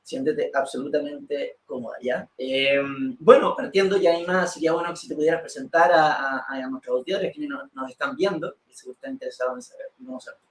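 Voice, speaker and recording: Hosting a political interview show, a man reads from prepared notes a little fast, with hardly any pauses. His pitch is fairly high, and the recording carries an echoey, roomy sound.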